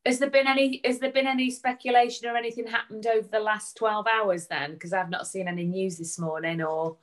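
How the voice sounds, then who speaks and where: A woman's voice: medium pitch, steady tone, brisk. A woman chatting casually as co-host, rambling into anecdotes. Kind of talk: casual chat.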